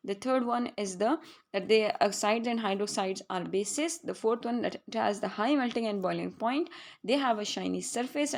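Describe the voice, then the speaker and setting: Pakistani woman teaching chemistry, gravelly edge. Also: on the high side. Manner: explains in Hindi-Urdu, reads English definitions slowly, checks with "theek hai". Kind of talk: classroom revision lesson.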